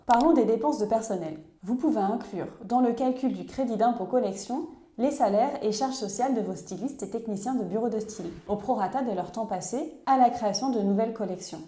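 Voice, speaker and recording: A woman reading a scripted voice-over explainer in a clear, measured, instructive way. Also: a little high, dark tone, roomy sound. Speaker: narrator of a tax explainer video.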